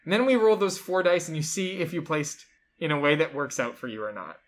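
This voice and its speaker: An enthusiastic co-host walks through a board game's rules in a casual, chatty way, sprinkling in plenty of "like"s. The voice sits at a middle pitch. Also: fairly quick. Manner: enthusiastic, chatty, lots of fillers like "like". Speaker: board game show co-host. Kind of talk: casual chat explaining game rules.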